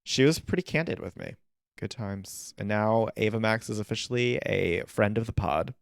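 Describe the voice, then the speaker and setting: A man's voice: lowish voice, normal speed, creaky, no echo, clean studio sound. A man co-hosting a casual pop-culture podcast, chatting playfully in campy pop-fan slang. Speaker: podcast co-host.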